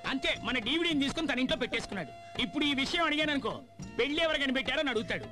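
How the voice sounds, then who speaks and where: An actor playing a timid neighbour husband who rambles nervously, in a film comedy scene. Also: male voice, extremely high pitch, lively intonation, racing, over music.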